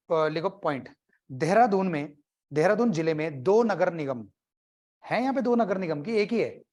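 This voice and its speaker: A man teaching an exam-prep class, talking conversationally, quizzing his students and cracking jokes. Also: on the high side.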